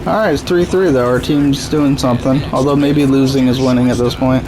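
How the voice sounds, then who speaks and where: A crowd can be heard behind this young gaming YouTuber as he casually comments on his own baseball game. His medium-pitched voice is steady and brisk but strained and rough from a sore throat, and his manner is laid-back and self-deprecating. The home recording is noisy.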